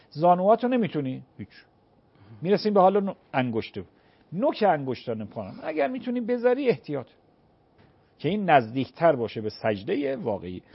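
Man explaining prayer rules, slightly high voice. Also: sing-song, slightly rough, dull audio. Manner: explanatory, demonstrates prayer recitations slowly. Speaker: cleric answering religious questions. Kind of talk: call-in religious Q&A.

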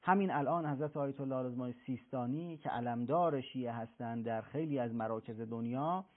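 A man speaking as a religious scholar on a talk show, telling a pious story earnestly and quoting the figures in it. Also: medium pitch. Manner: earnest, preaching, recounts tales with quoted voices. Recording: thin phone-like broadcast sound.

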